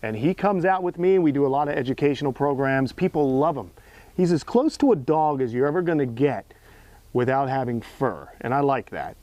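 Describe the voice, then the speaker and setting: A man's voice: medium pitch, expressive, brisk, a little mellow, no room sound. A man presenting an educational animal tour outdoors in a casual, emphatic, admiring way, as an enthusiastic host and keeper. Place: outdoors among animal enclosures.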